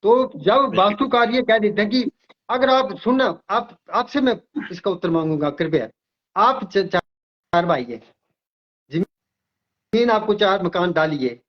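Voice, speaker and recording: Older man, high-pitched, emphatic lecturing astrologer, dull lo-fi sound. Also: lively intonation, unhurried. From Himachal Pradesh, India. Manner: emphatic, lecturing, repeats words. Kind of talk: interview.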